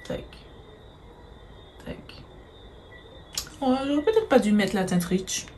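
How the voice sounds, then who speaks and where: A woman's voice: medium pitch, sing-song, takes it slowly, a little mellow, slight background noise. A woman, chatting casually through a makeup tutorial, hesitant with many fillers and the odd swear word. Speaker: beauty vlogger.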